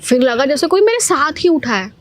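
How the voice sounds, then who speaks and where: A young woman, a podcast guest, telling a personal ghost story in an animated, emphatic way. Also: high voice, moderate pace, slight background noise.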